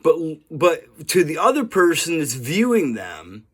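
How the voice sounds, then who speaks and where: A man's voice: a little high, huge pitch swings, a little slow, husky. A man in his fifties talking earnestly in a rambling monologue, often asking "right?" and chuckling now and then. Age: 50s. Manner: rambling and earnest, with frequent "right?" and "you know". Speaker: vlogger. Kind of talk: casual monologue to camera.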